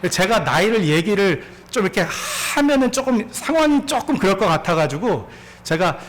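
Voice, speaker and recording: The preacher is a man in his forties, a pastor whose high, sing-song voice moves up and down a lot at a normal pace. He shares his story with laughter, frequently asking the congregation questions.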